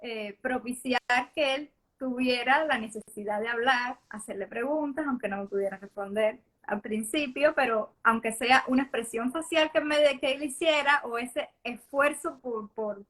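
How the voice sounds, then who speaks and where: A woman's voice: fairly high pitch, normal speed, few pauses, a bit bright. A woman hosting a live-stream conversation, reflecting as a mother on her son's speech and laughing lightly between points. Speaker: mother and host.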